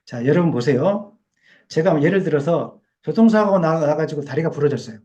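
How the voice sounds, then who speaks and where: A man's voice: fairly high pitch, lively intonation, fairly quick, mellow. A male pastor preaching a Sunday sermon in a church, emphatic and full of rhetorical questions to the congregation. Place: church sanctuary.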